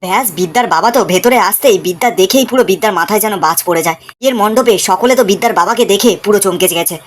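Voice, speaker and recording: A woman narrating a fast, dramatic recap of a TV serial episode. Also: mid-range voice, a little hiss or hum.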